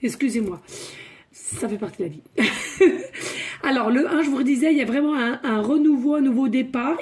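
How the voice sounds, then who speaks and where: A woman doing a spiritual card reading, excitable and thinking out loud as she draws cards. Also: sits high. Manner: excitable, thinks aloud, breaks into song. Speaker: tarot card reader.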